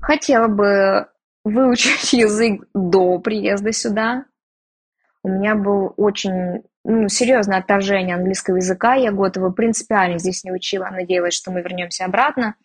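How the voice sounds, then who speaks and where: This Russian emigrant speaks in a mid-range, steady voice with a breathy edge, keeping a moderate pace. Being interviewed, she's chatty and blunt, often teasing herself.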